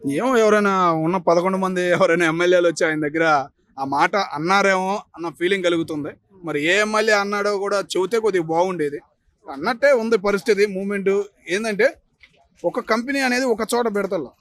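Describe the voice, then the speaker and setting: A man with an Andhra Pradesh Telugu accent speaks his mind in a public street interview. He talks quickly in a high voice. He presses his points with one rhetorical question after another. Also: a bit bright. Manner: emphatic, fires rhetorical questions. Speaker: member of the public giving opinion.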